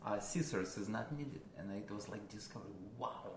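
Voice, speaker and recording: A man with a Russian accent, a guest musician, talking casually in a halting way, searching for words with many fillers. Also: fairly low pitch, crowd noise. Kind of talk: casual interview. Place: a friend's house. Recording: roomy with background noise.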